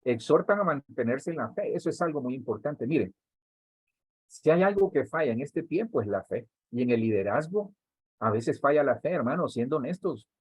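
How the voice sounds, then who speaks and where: A man's voice: mid-range voice, animated, moderate pace, breathy edge, no room sound, rough recording. A man, a pastor with a Honduran accent, preaching a teaching sermon to church workers, speaking straight to his listeners and repeating words for emphasis. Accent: Honduran Spanish.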